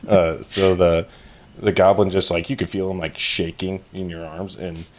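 A man's voice: low-pitched, little pitch movement, normal speed, a little mellow, slight background noise. A man narrating as game master of a tabletop game, casual and chatty, laughing and using lots of fillers.

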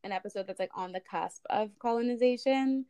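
Woman, casual podcast host, clear smooth voice, dry close sound, filler-heavy chat. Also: a little high, a little fast, dark tone, no room sound. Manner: chatty, many "like" and "um" fillers.

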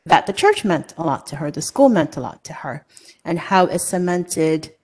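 A woman's voice: low voice, animated, moderate pace, darkish tone. A woman from Hong Kong, a co-author sharing a personal story in an earnest, conversational way. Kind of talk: casual conversation.

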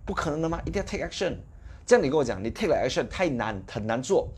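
A young man with a Malaysian accent, hosting a motivational live video and telling a story in an animated, exclamatory way. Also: a little high, fast, slightly rough.

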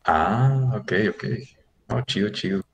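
A man's voice: lowish voice, takes it slowly, creaky, crowd noise. A man with a Mexican accent hosting a casual group chat, crude, slangy and bossy with his friends. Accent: Mexican Spanish. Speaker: host.

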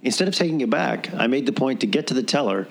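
A man's voice: mid-range voice, expressive, quick pace, vocal fry. A man who is a guest on a podcast, talking earnestly and persuasively, sometimes repeating words as he searches. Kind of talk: casual conversation.

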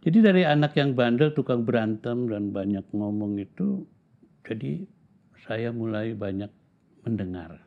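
A man in his seventies telling stories from his life in a slow, reflective way, pausing often and repeating words for emphasis. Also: on the low side. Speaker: interviewee. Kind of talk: reflective storytelling in conversation. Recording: tinny phone-like sound.

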